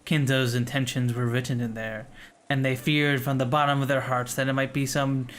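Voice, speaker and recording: A man's voice: medium pitch, little pitch movement, normal speed, a bit bright. A man reading visual novel narration aloud as the narrator of a game playthrough.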